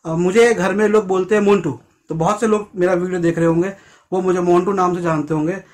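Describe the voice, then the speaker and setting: A man with a fairly high voice teaches English grammar to his viewers. He breaks each phrase into single words and says them slowly and deliberately. Now and then he acts out a short everyday scene in a lifted voice. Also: steady tone, a little mellow. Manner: explains slowly, repeats English phrases word by word; acts out little quoted scenes with a raised voice. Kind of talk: Hindi-language English grammar lesson.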